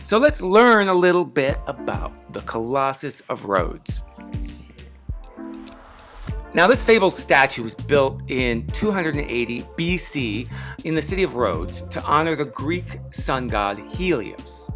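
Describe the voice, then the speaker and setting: With a very animated, fairly bright mid-range voice at a measured pace, a man hosts an easygoing step-by-step craft tutorial over background music. He comes across as chatty, enthusiastic, and self-deprecating, and a sore tongue slightly hampers his articulation.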